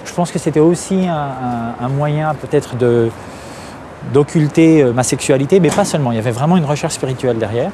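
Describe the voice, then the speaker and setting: A man's voice: medium pitch, fairly quick, background noise. A man from Algeria answering interview questions openly, hesitating often with fillers and restarts. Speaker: interview guest, activist. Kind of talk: candid interview.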